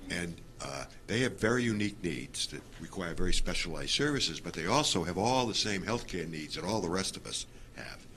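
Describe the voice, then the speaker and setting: A man's voice: low-pitched, sharp tone, slight background noise. An American man, a state representative, earnestly asking a question from the audience. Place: conference room.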